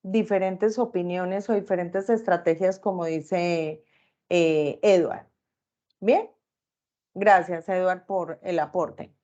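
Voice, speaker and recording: A woman's voice: lowish voice, steady tone, slow pace, mellow, highs cut off. A woman teaching an online class, often checking in with her students through short tag questions.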